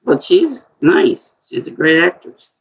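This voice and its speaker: Hosting a live-stream trivia game from a small home room, a middle-aged man speaks in a high-pitched, gravelly voice. He is very animated yet slow, repeating himself chattily, and the audio sounds dull.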